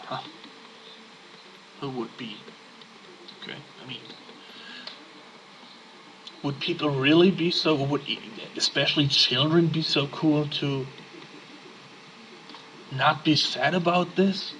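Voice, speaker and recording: A man's voice: fairly high pitch, slow pace, long pauses, a bit bright, a little hiss or hum, poor audio. A man playing a text-based game, reading its text aloud and adding casual muttered asides. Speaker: let's play gamer.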